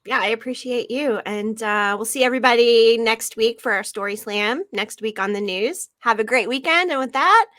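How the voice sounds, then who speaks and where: A woman co-hosting a casual podcast news segment, chatty and upbeat and quick to laugh. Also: on the high side, fairly bright tone, no room sound, clean studio sound. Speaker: co-host presenting entertainment news.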